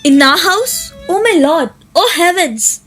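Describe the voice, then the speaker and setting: A woman's voice: on the high side, expressive, measured pace, husky, faint music behind. A woman acting a scheming, controlling noble lady in an amateur stage drama. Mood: feigned shock.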